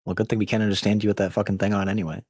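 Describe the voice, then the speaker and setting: A man's voice: on the low side, level tone, rapid-fire, crowd noise. A man in casual voice chat, teasing and mocking his friends with plenty of swearing. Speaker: gaming buddy.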